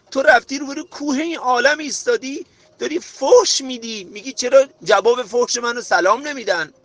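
A man hosting a motivational podcast, preaching emphatically to his listener and rising to near-shouts. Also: high voice. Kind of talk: motivational monologue.

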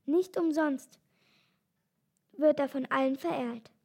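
A woman reading aloud and voicing an upset lioness mother who scolds her mate in an excited, high voice. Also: slow, vocal fry, exaggerated voice. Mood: worried.

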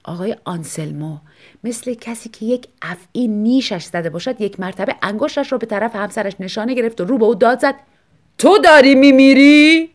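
A woman narrating a translated short story for an audiobook, with measured, expressive storytelling. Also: mid-range voice.

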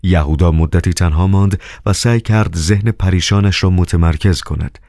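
Deep-voiced man narrating a novel. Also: warm tone, no room sound, clean studio sound. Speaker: audiobook narrator.

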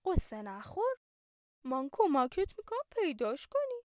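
Woman doing a gruff barking farm dog. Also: high-pitched, very animated, dry recording, muffled recording. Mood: firm. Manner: barking, loud and firm.

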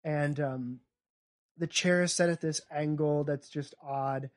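A man's voice: on the high side, fairly even intonation, slow pace. A man co-hosting a podcast, chatting casually and joking wryly while he works through comedy bits. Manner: wry, joking, acts out bits. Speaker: podcast co-host.

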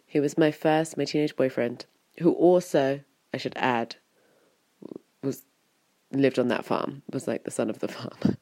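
This Wiltshire woman in her 30s hosts a casual podcast, wandering through topics and saying "kind of" and "like" a lot. Her extremely low, mellow voice moves a little slowly with frequent pauses, on a dry recording.

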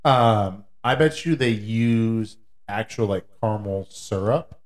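A man co-hosting a podcast, chatting in a relaxed, easygoing way. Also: lowish voice, slow. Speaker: podcast co-host. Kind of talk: casual chat.

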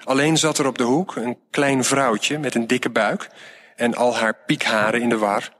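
A man reading a children's story aloud in a lively, plainspoken way. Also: mid-range voice, normal speed.

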